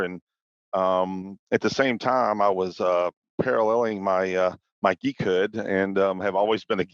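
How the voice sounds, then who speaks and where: A man giving conversational interview answers as a podcast guest, halting and repeating words as he thinks. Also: fairly low pitch. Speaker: podcast guest, cybersecurity executive. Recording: dull, roomy sound.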